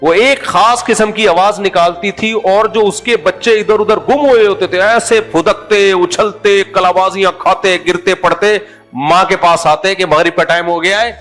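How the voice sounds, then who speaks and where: A middle-aged male preacher with a Pakistani Urdu accent, his voice pitched a little high. He talks to his listeners in a relaxed, joking way and keeps asking them questions. Faint music plays under the speech. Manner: conversational, humorous, asks audience questions. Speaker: Islamic preacher. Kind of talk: sermon.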